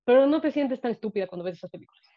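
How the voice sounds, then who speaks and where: A woman's voice: a little high, animated, racing, no room sound. Woman co-hosting a casual podcast. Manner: explanatory, drops in English phrases. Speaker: podcast co-host. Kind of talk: casual chat. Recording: dry, dull lo-fi recording.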